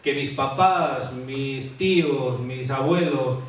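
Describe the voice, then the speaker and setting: Male expert, hesitant explainer, mid pitch, distant mic, roomy echo. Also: slow pace. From Asturias, Spain. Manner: hesitant, many fillers and tag questions. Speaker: graphologist. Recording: echoey room, off-mic, faint hiss.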